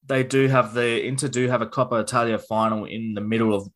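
Speaking quickly at a medium pitch, this football podcast co-host keeps things relaxed and casual. He works through his thoughts out loud, full of fillers and restarts.

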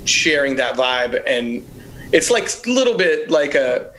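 A man's voice: medium pitch, big pitch swings, unhurried, fairly bright tone, slight background noise, rough recording. A man in his fifties, a guest musician in a casual conversation, talking reflectively and rambling with lots of fillers. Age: 50s.

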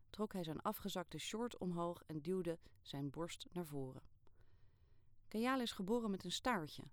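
A woman with a fairly low voice reads a first-person story aloud. She tells it steadily and lifts sharply for the excited dialogue. The recording is close and dry, with no room sound. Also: no echo. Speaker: narrator.

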